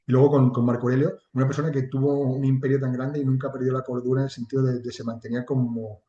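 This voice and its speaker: In this relaxed interview, a male guest who runs a chatbot marketing business talks fast in a flat, mid-range, mellow voice, speaking colloquially and frankly and swearing mildly now and then. He's from Extremadura, and his accent is Spanish from Spain. The sound is reverberant and lacks high frequencies.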